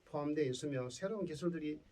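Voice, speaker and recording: This Gyeongsang-accented professor talks fast in a mellow, slightly high voice while lecturing school students indoors, sitting far from the mic. He regularly checks in with his listeners using tag questions.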